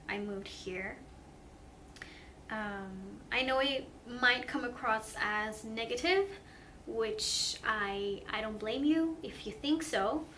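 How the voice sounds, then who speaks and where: Talking into her camera mic, this young Swedish vlogger is casual yet earnest and hesitant, often restarting and using fillers; Swedish is her native language. She has a medium pitch and a sharp tone. A little hiss or hum is audible.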